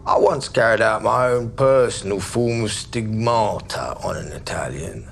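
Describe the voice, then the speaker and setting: Unhinged mob boss, low gravelly voice, lurching from bluster to whispers, over a noisy soundtrack. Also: male voice, unhurried. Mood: menacing. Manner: rambling, swings from loud jovial bluster to menacing whispers. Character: volatile London gangster, bakery-distillery boss, middle-aged man.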